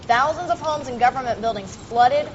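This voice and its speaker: A woman's voice: high-pitched, normal speed. A woman with an American accent anchoring live television news. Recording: slightly dull broadcast, faint noise.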